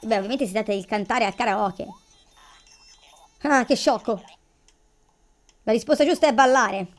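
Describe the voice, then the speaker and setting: A woman's voice: a little high, normal speed, natural voice. A woman reading aloud the lines of a boastful male gorilla villager from a cartoon life game. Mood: mocking.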